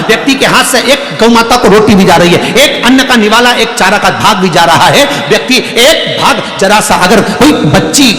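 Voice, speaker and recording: A man giving a devotional katha sermon, animated and humorous, acting out voices in his stories. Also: high-pitched. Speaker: Shiv Purana katha preacher. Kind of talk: devotional sermon with comic storytelling. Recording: echoey hall with faint music.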